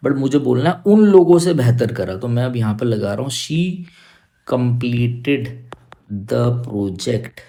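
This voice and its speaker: Gravelly, warm-voiced male grammar teacher. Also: mid-range voice. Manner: repeats "समझो बात को" and "ठीक है", reads example sentences slowly. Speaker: English teacher. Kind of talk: exam-prep grammar lesson. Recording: online class video.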